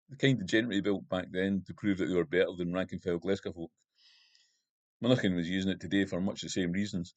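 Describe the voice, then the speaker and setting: A man reading his own first-person crime novel aloud in a steady, measured storytelling voice. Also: sits low, no echo.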